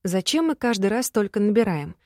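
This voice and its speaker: A woman voicing a soft-spoken young heroine. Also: mid-range voice, lively intonation, fairly quick, no echo, clean studio sound, close to an everyday voice. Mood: earnest. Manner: soft, earnest.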